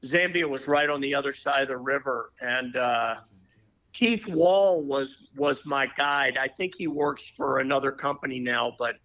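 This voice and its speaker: A man's voice: mid-range voice, normal speed, sharp tone, rough recording. An older man as a podcast guest, telling hunting stories with hearty enthusiasm. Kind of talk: casual interview chat.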